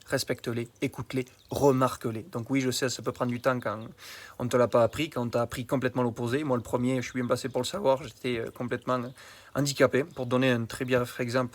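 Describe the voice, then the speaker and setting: A man's voice: medium pitch, no room sound. Male health coach, casual vlog, talks straight to the viewer, familiar and slangy, punchy emphasis. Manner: colloquial and familiar, addresses the viewer directly.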